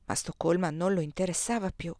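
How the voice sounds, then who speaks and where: A woman narrating a literary novel aloud in a measured, expressive reading voice. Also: lowish voice, dry recording, studio quality. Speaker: audiobook reader.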